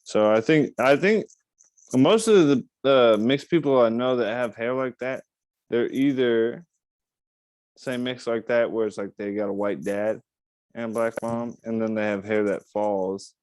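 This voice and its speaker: A man's voice: medium pitch, unhurried, darkish tone, smooth, no room sound. A young man hosting a casual podcast chat, loose and profane, riffing and joking with his guest. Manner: loose, profane, riffing with put-on voices and bursts of laughter. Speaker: podcast host.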